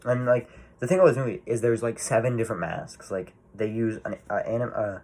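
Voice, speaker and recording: A man's voice: lowish voice, brisk, a little mellow. A man giving a casual movie review, rambling and swearing freely, full of fillers and restarts.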